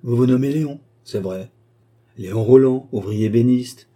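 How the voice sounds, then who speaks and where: A man's voice: medium pitch, moderate pace, mellow, pitched above the performer's own voice, natural voice. A man voicing an insolent thug of a locksmith, taunting and sneering.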